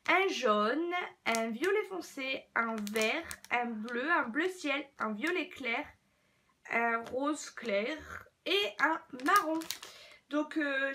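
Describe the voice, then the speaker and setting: A woman's voice: high-pitched, fairly bright tone, a little hiss or hum. A young woman from France showing off her shopping haul in a casual, rambling way, with plenty of fillers and restarts. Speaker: beauty vlogger. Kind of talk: casual haul video chat.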